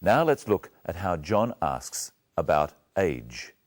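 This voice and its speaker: A male English teacher giving a patient lesson, speaking clearly and drilling words one at a time. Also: sits low, very animated, slow. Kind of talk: slow, clear lesson narration.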